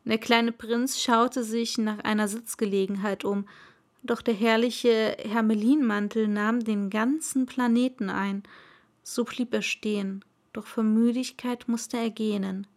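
A woman narrating a storybook aloud in a measured storytelling manner. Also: on the high side, steady tone.

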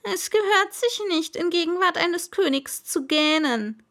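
A woman's voice: extremely high pitch, expressive, unhurried, a bit bright, voice pushed up, exaggerated voice. A woman voicing a proud, stern but kindly old king in a storybook reading, with pompous, commanding declarations.

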